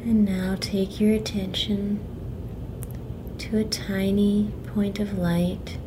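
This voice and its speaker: A woman guiding a relaxation meditation in a soft, breathy, soothing near-whisper, with long pauses between phrases. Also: medium pitch, flat delivery. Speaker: guided meditation guide. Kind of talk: guided relaxation meditation narration. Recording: clearly noisy, ambient sound behind.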